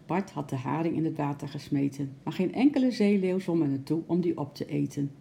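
A woman narrating a children's story aloud in a gentle, expressive way. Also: sits low, fairly quick, gravelly, slight background noise.

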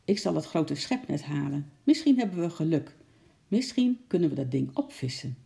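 A storyteller voicing a calm, grumbling older zookeeper who talks practically. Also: medium pitch, normal speed, creaky.

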